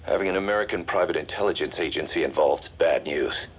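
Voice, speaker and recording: An actor playing a military intelligence strategist in a video game, delivering a grave, deliberate, commanding briefing. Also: male voice, a bass voice, breathy edge. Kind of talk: video game voice acting, mission briefing dialogue.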